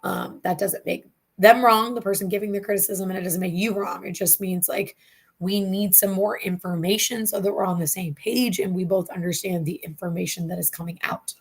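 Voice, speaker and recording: A woman's voice: medium pitch, fairly even intonation, a little fast, husky. A woman therapist hosting a talk show, teaching in a casual, candid way with frequent asides. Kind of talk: live online talk show.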